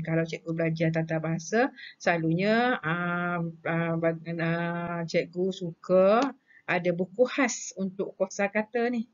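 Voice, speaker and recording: A woman teacher with a Malaysian Malay accent gives a recorded grammar lesson. She lists terms one by one and asks questions that she then answers herself. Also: lowish voice. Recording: dull lo-fi recording.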